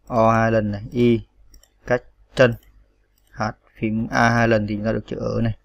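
Man, patient typing tutor, spells each key, flat delivery, muffled lo-fi recording. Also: lowish voice, normal speed, creaky. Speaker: computer tutorial instructor. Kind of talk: step-by-step screen tutorial.

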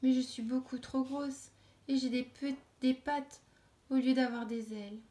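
Petite chenille de conte, rêveuse, voix haute et douce, jouée par une femme. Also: female voice, fairly even intonation, unhurried, mellow, echoey room. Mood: wistful. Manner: wistful, rising to high exclamations. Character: small hungry dreamy caterpillar, wistful.

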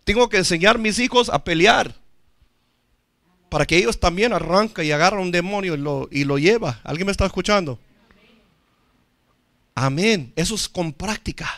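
High-voiced, fiery male preacher. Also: lively intonation, normal speed, long pauses, dry recording. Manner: emphatic preaching, swinging between loud and hushed, calling for responses. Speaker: pastor. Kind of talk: sermon.

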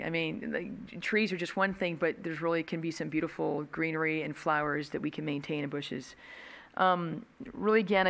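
A woman's voice: deep voice, a bit bright. A middle-aged woman speaking as a city council member at a meeting, talking conversationally with many ums into a desk mic in a council chamber. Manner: conversational, many ums, gestures with both hands. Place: council chamber, seated at dais. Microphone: desk gooseneck mic.

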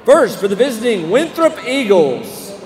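Courtside at an indoor basketball arena, a young American man works as the public address announcer, speaking into a desk microphone on a short stand. His delivery is very animated and booming, in showman style, with drawn-out names. The echoing arena PA carries loud crowd noise and arena ambience.

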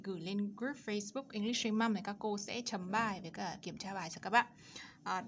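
A woman teacher explaining an English lesson for children, slowing down and stressing English words and their sounds. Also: medium pitch, highs cut off, a little hiss or hum.

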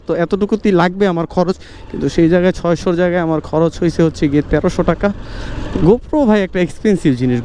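Fast-talking Bangladeshi man over road noise. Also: high-pitched, dark tone. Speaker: motorcycle vlogger. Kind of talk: casual motovlog commentary. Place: outdoors, riding a motorbike on city roads. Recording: clear road and traffic noise.

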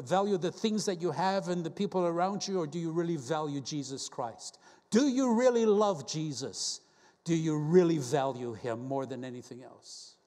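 A man's voice: on the high side, a little mellow, long reverb tail. A man preaching a sermon as a guest preacher, earnest and full of rhetorical questions as he quotes scripture. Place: church sanctuary.

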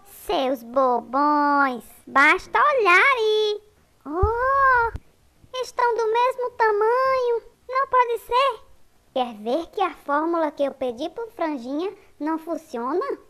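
Woman as a touchy, high-pitched little cartoon girl. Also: animated, slow, bright, forceful tone, exaggerated voice. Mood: indignant. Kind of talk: comic-strip character voicing.

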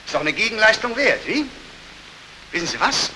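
An actor playing a jovial, condescending older army colonel, breezy and patronizing, in 1940s film acting. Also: male voice, sits high, sing-song, normal speed, sharp tone, exaggerated voice, rough recording. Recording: hissy old 1949 film soundtrack.

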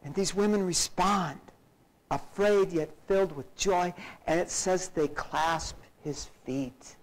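A man's voice: high-pitched, slow pace, low-quality recording. A male pastor preaching a sermon, acting out scenes with shifting voices and dramatic drops to near-whispers. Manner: animated, acts out scenes with varied voices.

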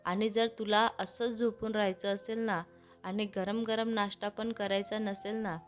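A woman's voice: medium pitch, little pitch movement, normal speed, faint music behind, lightly acted. A woman voicing a young man who teasingly coaxes his younger brother out of bed in a storybook reading. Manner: teasing, coaxing.

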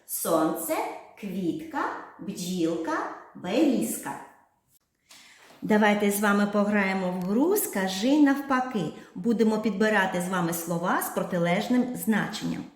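A woman teaching a speech lesson to small children, drawing out her words in a slow, sing-song way. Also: medium pitch, animated. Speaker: kindergarten teacher. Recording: very echoey room.

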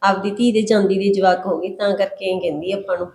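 A timid young pregnant daughter-in-law speaks softly and kindly, consoling her elder sister-in-law, played by a woman. She talks quickly in a mellow, even voice. It is plain village short-film acting. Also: mid-range voice, natural voice. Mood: gentle, consoling. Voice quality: soft, consoling, quick talker.

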